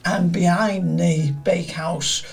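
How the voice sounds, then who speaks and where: A man's voice: sits high, steady tone, takes it slowly, vocal fry. A middle-aged man with a Liverpool accent, chatting as an interview guest in a studio and telling stories, often repeating words as he starts. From Liverpool area, England. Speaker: guest, community garden director. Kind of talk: casual interview chat.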